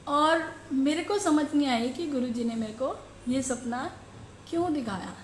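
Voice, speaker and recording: A middle-aged woman telling the congregation about a devotional dream, slow and halting as she searches for words. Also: sits high, a little hiss or hum. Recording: roomy echo.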